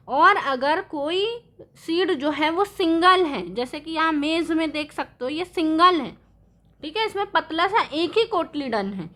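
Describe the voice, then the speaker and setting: Woman teacher, high and bright, quizzing her class in a lesson. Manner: asks the class questions and answers them herself; mixes English terms into Hindi. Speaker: science teacher. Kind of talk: classroom lesson explaining with drawings.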